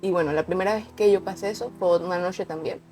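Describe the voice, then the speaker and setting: Over faint background music, a young woman speaks quickly in a fairly low, slightly mellow voice as she gives her personal testimony on her vlog. She's earnest and conversational, unscripted, and repeats words to stress them.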